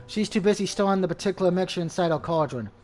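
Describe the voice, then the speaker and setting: Gamer guy reading game text, high voice, faint music behind. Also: fast, a little mellow. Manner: crude outbursts between lines. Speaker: gamer reading a visual novel.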